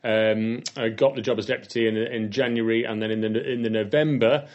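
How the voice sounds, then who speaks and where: A man's voice: medium pitch, steady tone, fairly quick, muffled recording. A man, a head teacher being interviewed, talking with many ums and restarts. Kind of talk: casual interview.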